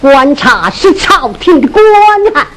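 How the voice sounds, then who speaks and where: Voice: high-pitched, sing-song, a little slow, bright, forceful tone, heavily acted. A Sichuan opera performer playing a proud, indignant poor scholar with haughty retorts in a Sichuanese accent. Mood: lecturing. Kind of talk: Sichuan opera stage acting. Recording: faint hiss of an old opera film.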